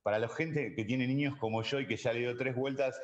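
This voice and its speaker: A man's voice: medium pitch, fairly even intonation, fairly quick, lo-fi sound. A man with an Argentine accent in casual chat, telling jokes and laughing at his own punchlines. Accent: Argentine Spanish. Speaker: comedian guest.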